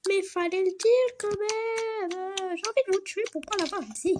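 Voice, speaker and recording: A woman voicing a brisk, chatty woman baker in a high, excitable tone. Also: a little hiss or hum. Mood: outraged.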